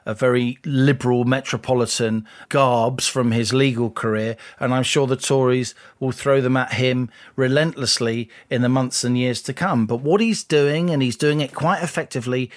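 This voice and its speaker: A man co-hosting a political podcast, laying out his analysis in a measured, deliberate way. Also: mid-range voice, fairly even intonation. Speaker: podcast co-host, columnist.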